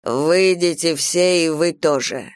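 A woman's voice: low voice, expressive, slow pace, clean tone, no echo, clean studio sound, full character voice. Woman voicing a cold male death god.

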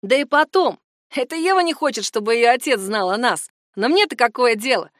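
A woman reading an audiobook, voicing a brash, scheming teenage boy who taunts and threatens in loud outbursts. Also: fairly high pitch, lively intonation, a little fast, dry recording, clean studio sound, natural voice. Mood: taunting.

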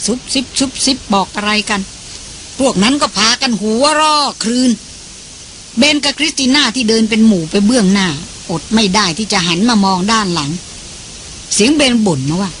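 A reader narrating an adventure novel for an audiobook in a steady storytelling manner. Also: mid-range voice, moderate pace, a little hiss or hum.

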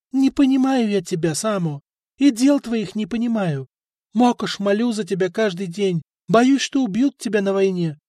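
A man reading an audiobook voices a young princess, pleading and tearful, who grows shrill with anger. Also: a little mellow, dry recording, studio quality, lightly acted. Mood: sad.

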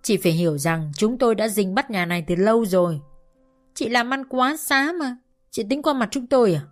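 A woman's voice: a little high, animated, brisk, faint music behind, close to an everyday voice. A woman voicing a harsh middle-aged male police officer with a gun, curt and threatening.

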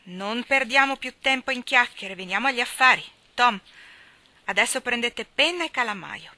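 A woman voicing a brisk, businesslike older gentleman who speaks loudly. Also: fairly high pitch, lively intonation, voice pushed up, exaggerated voice.

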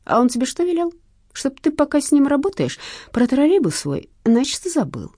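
A woman reader voicing a shrewd older male former policeman who speaks calmly and cuttingly. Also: high voice, brisk, no echo, voice pushed up. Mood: calmly threatening. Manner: calm, dry, cutting. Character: shrewd older male ex-cop, calm and cunning.

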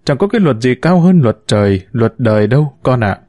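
A man's voice: mid-range voice, lively intonation, a little fast, dry recording, clean studio sound, lightly acted. A man voicing a bitter, wounded middle-aged mother who reproaches and laments to her son in an audiobook story. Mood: pleading lament. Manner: reproachful, lamenting, sharp-tongued.

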